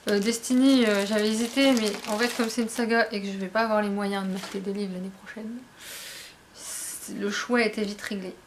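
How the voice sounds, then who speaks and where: A young woman with a mid-range voice chats casually to the camera while unboxing a book box at home indoors. Her tone is steady and her pace brisk, with lots of fillers and restarts over slight background noise.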